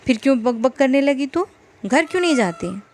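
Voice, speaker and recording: A woman's voice: high voice, lively intonation, normal speed, darkish tone, slight background noise, voice pushed up. A woman narrator voicing a restrained, weary middle-aged farmer who speaks firmly. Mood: stern. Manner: firm, stern.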